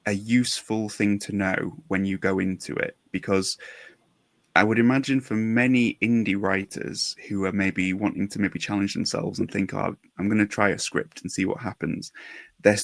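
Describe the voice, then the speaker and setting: A podcast host conducts a conversational interview, posing long, exploratory questions and restating them as he goes. His voice is lowish, gravelly and fairly bright, recorded with no room sound.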